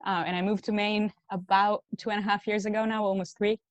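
A young woman from Italy who works as a sternman on a lobster boat, telling her story thoughtfully with many pauses. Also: medium pitch, level tone, dry recording, lo-fi sound. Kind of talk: panel discussion.

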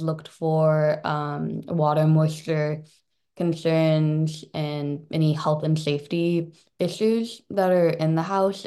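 A woman's voice: deep voice, warm tone. A young woman in her twenties, a college student in a service corps, describing the project in a casual way that is full of "like". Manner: casual, sprinkled with "like". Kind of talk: casual interview talk.

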